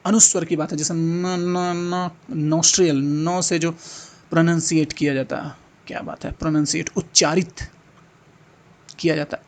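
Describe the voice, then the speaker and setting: A man teaching an exam-prep lesson, thinking aloud, repeating sounds and answer options and urging students to answer. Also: on the high side. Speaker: Hindi exam tutor.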